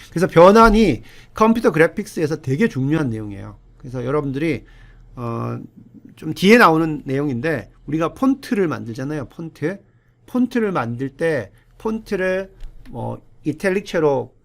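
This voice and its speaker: A man's voice: fairly high pitch, darkish tone. A male university professor giving a recorded lecture, explaining step by step and asking the class questions. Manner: explains step by step, often starts with "자"; asks the class rhetorical questions.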